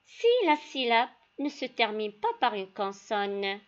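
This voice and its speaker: A woman teacher giving a classroom lesson, speaking deliberately and addressing her pupils directly. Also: medium pitch, highs cut off. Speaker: primary school teacher.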